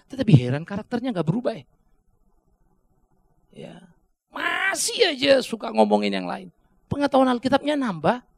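Gravelly, lively-voiced male pastor preaching. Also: high-pitched, no room sound, clean studio sound. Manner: conversational preaching with joking asides and sudden emphatic bursts. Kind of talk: sermon.

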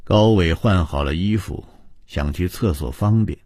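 Deep, husky man telling a ghost story. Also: a little slow, dark tone, dry recording, clean studio sound. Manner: suspenseful, rising and falling expressively. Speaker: audiobook narrator. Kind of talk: dramatic storytelling narration.

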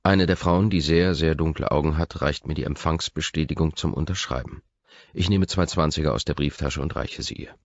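A man reading a first-person audiobook narration in a measured, intimate, low-key manner. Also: dry recording, highs cut off.

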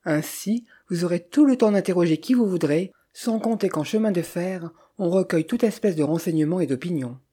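A reader voicing a cheerful, pushy Italian man with a brisk, persuasive manner in an audiobook. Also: mid-range voice, lively intonation, warm tone, breathy edge. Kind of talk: audiobook character voice.

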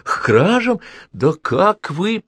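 A man's voice: on the high side, big pitch swings, a little fast, no room sound, voice pushed up. A man reading a story aloud and voicing an anxious, indignant woman professor in a raised voice. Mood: pleading. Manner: anxious, pleading, then indignant shouting. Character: flustered middle-aged woman professor.

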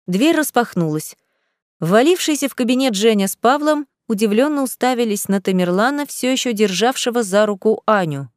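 A woman narrating a story in an even, measured reading. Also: fairly high pitch, no room sound, studio quality. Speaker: audiobook narrator.

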